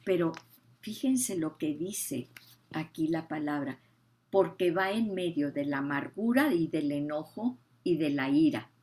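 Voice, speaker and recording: Older lady w/ teaching scripture, slow, kinda low voice, keeps repeating phrases. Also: expressive, a little mellow. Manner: emphatic, repeats key phrases, asks listeners questions. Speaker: Bible teacher. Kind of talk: Bible teaching.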